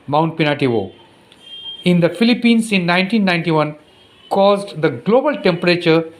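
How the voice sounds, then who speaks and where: A man with an Indian English accent, a teacher giving a recorded lesson. He reads from the textbook slowly, repeats passages, and stumbles over hard words. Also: high-pitched, expressive. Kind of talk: recorded classroom lesson, reading a textbook aloud.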